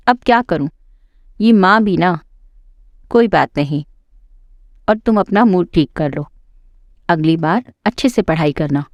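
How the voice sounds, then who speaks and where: A woman's voice: lowish voice, lively intonation, unhurried, long pauses, dry recording, highs cut off. A woman voicing a mild young husband who soothes both his wife and his mother. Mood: placating. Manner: placating.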